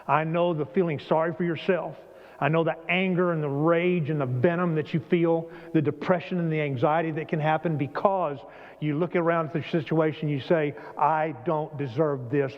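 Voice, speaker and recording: A middle-aged man preaching an earnest sermon, building up to emphatic storytelling. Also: fairly high pitch. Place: church sanctuary. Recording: dull sound, long hall reverb.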